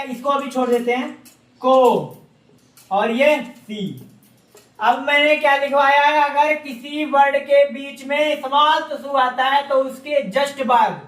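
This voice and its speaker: In an online lesson, a Japanese teacher with a very high, fairly bright voice keeps asking questions and answering them himself so learners can repeat. The recording comes from an echoey room with the mic set far away.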